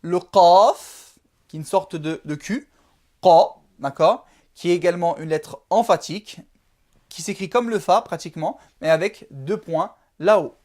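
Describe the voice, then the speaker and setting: Slow, patient alphabet teacher. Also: medium pitch, a little mellow. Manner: slow, patient, repeats each syllable drill and checks in often. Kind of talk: video lesson.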